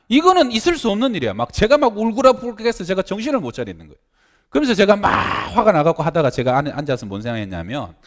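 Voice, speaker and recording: Male senior pastor, expressive storytelling preacher, church hall echo. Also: a little high. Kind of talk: sermon. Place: church sanctuary. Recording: long hall reverb.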